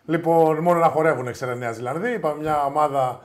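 A man co-hosting a sports podcast, loud, teasing and full of jokes. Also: fairly high pitch. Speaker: podcast co-host. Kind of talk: casual sports podcast banter.

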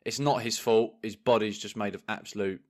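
Low-voiced, blunt English football podcaster. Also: male voice, fairly even intonation, brisk, a little mellow. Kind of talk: casual football chat.

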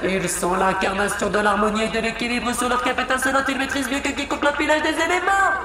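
A performer voicing a showy stadium announcer in a children's audio story, heard booming over huge loudspeakers and calling out introductions with sing-song flourishes. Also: quick pace, background noise. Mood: showy announcing. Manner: grand, sing-song introductions with bursts of shouting. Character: showy, theatrical tournament announcer. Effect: amplified announcer voice booming over huge stadium loudspeakers. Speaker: stadium announcer at an intergalactic contest. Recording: echoey loudspeaker sound with music.

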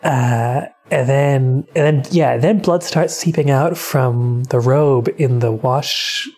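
A woman's voice: very deep voice, slow pace, a little mellow, slightly rough. A young woman casually recapping a film as a co-host, rambling and swearing offhandedly. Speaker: podcast co-host.

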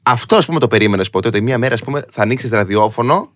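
A man co-hosting a radio show, joking and teasing with exaggerated flattery. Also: medium pitch. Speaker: radio co-host.

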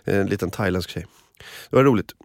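A man's voice: low voice, gravelly, darkish tone, no echo, studio quality. A man co-hosting a casual morning podcast, rambling through anecdotes with lots of fillers and swearing. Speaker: podcast co-host.

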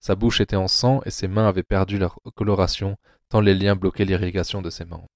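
Deep-voiced male narrator, dry sound. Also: flat delivery, brisk, no room sound. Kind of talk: scripted audiobook narration.

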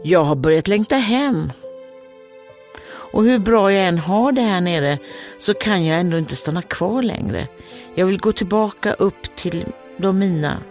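A woman voicing a homesick, hard-working young girl in a fairy tale, a little higher than her own voice. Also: expressive, a little mellow, soft background music, lightly acted. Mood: wistful.

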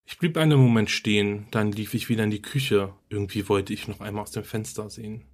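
A man narrating a first-person horror story for a podcast, calm and steady. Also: lowish voice, fairly quick.

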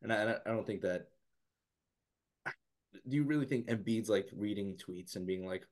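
A man with a very low voice talks basketball in a loose, halting way, full of restarts and fillers. His voice is going hoarse as he talks, though he keeps the easy tone of a casual podcast chat. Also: darkish tone. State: losing his voice. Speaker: podcast co-host. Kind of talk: casual sports talk.

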